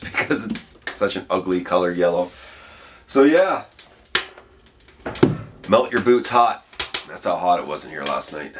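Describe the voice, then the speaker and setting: Male outdoor vlogger, low register, folksy and casual, repeating for emphasis, slight noise behind. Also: fairly bright tone. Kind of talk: casual storytelling vlog.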